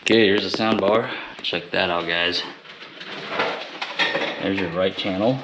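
Over loud music, a man with a low, fairly even, slightly slow voice gives an informal, off-the-cuff walkthrough as an installer hosting a job-site vlog. He's indoors in a large open living room with a high ceiling, filmed on a handheld camera. The camera audio is clearly noisy, with clicks.

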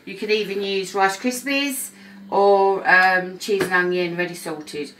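A middle-aged woman who works as a support worker gives a friendly cooking demonstration in her home kitchen, speaking unhurriedly in a medium-pitched, fairly bright voice with fairly even intonation. Chatty and encouraging, she calls her viewers "guys." It's a poor-quality home phone recording from a camera on the counter, with a little hiss or hum and kitchen clatter.

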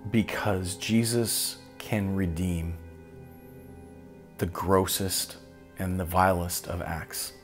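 A man preaching a solemn sermon as pastor, slow and deliberate, with long pauses between phrases. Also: deep voice, level tone, soft background music.

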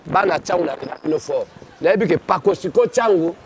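A male comedian, interviewed on the street in his stage persona, speaks in a fairly high, expressive voice at a brisk pace. He's exuberant and declamatory, mixes two languages, and promotes himself with gusto while crowd noise fills the background.

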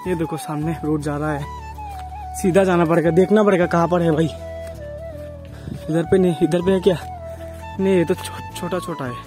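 A man's voice: fairly high pitch, steady tone, moderate pace, long pauses, music in the background. A man vlogging outdoors on a dusty forest road, filming on a phone held in his hand and talking straight to his viewers. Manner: talks straight to viewers, keeps saying bhai and guys. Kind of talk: casual handheld walking vlog. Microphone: phone camera held in hand.

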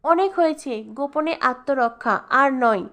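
A woman reading the lines of a resolved family man, firm and insistent, with no attempt to lower her voice. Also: measured pace, a bit bright. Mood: resolute.

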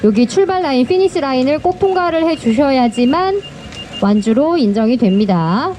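Outdoors at a race start line, a woman announces instructions to cyclists with courteous, customer-service politeness, encouragingly going over the safety rules more than once. Her voice sits high and sounds mellow and expressive at a moderate pace. Passing vehicles add to the noisy recording.

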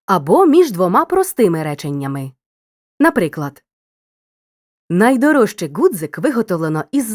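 A woman narrating a grammar lesson in a clear, scripted, teacherly way, speaking directly to the listener. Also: medium pitch, a little mellow, no room sound, studio quality.

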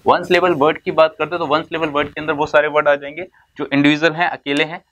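A man's voice: a little high, flat delivery, fairly bright tone, lo-fi sound. A man teaching basic English terms in a classroom-style lesson, mixing Hindi with English words and asking then answering his own questions. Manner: stretches out words slowly for emphasis.

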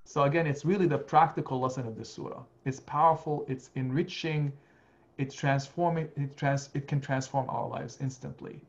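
A man in his forties, an imam leading an online study circle from his home, earnest and gently instructive, mixing in Arabic phrases. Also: mid-range voice, steady tone, moderate pace, vocal fry, lo-fi sound. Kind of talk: online Quran study session. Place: home study with lamp and bookshelf. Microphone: video call webcam.

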